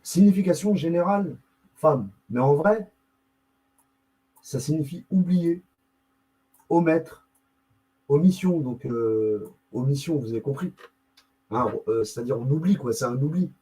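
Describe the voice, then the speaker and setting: Slow-talking man musing aloud. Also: on the high side, lively intonation, dark tone, low-quality recording. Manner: rambling, self-interrupting, mutters to himself while searching. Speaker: YouTube host. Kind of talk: casual screen-share commentary.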